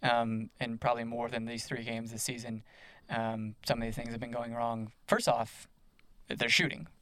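An easygoing young man hosts a sports podcast in a relaxed, chatty way. His voice sits at a middle pitch, close to the mic and dry. Ums and uhs fill his pauses. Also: no room sound, rough recording. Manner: easygoing, hesitant with fillers. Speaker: podcast host. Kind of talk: casual sports podcast chat.

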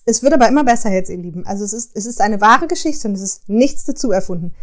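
A woman hosting a podcast, telling personal stories in a chatty, expressive way and speaking directly to her listeners. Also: mid-range voice, quick pace. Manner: chatty, expressive, addresses listeners warmly as "ihr Lieben". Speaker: podcast host. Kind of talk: casual personal storytelling.

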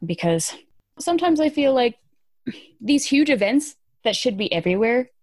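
A woman's voice: on the high side, animated, normal speed, darkish tone, no echo. A woman hosting a podcast, talking through news in an informal, emphatic, conversational way. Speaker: podcast host. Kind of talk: casual conversational news commentary.

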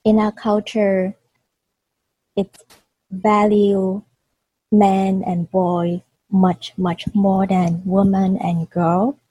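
A woman, a podcast guest speaking hesitantly with pauses and fillers. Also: medium pitch, little pitch movement, mellow, husky, no room sound, lo-fi sound. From Hong Kong. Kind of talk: casual interview talk.

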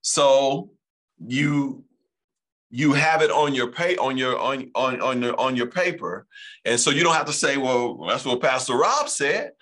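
A male pastor, teaching the Bible emphatically and reading scripture aloud slowly. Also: mid-range voice, fairly bright tone.

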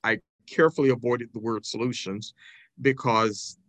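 A man answering as a podcast guest over a remote call, speaking in a measured, deliberate way and often quoting what others have said. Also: mid-range voice, fairly even intonation, fairly bright tone, no echo.

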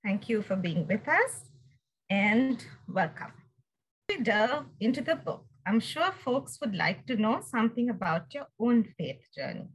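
A woman with a slightly husky, breathy voice, pitched a little high, introduces her guest from a prepared text. She speaks in a formal, measured podcast manner. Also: big pitch swings, rough recording. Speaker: interviewer.

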